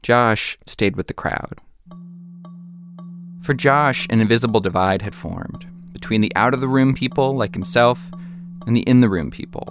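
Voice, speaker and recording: A man giving scripted documentary narration in a measured, even storytelling manner. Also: medium pitch, over music.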